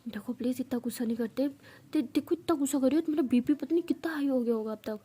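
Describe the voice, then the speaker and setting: A woman voicing a gentle young female student who talks in a soothing, pleading way. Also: sits high, rapid-fire, husky.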